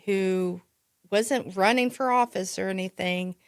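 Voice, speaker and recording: Speaking at a measured pace in a mid-range voice, a real estate agent with a Midwestern American accent tells a casual, chatty story as a podcast guest, laughing and restarting along the way. The studio-quality audio has no room sound.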